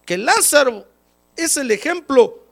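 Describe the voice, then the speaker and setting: Gravelly, lively-pitched preacher with a cold. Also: male voice, measured pace. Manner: folksy, repeatedly calls listeners "hermano"; acts out quoted voices, rising high when emphatic. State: has a cold. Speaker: pastor. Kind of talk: sermon. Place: church service.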